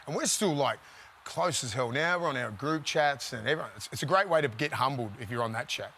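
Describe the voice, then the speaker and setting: A man, a former player, telling rambling, animated stories in casual chat and laughing often. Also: medium pitch, brisk, a little hiss or hum.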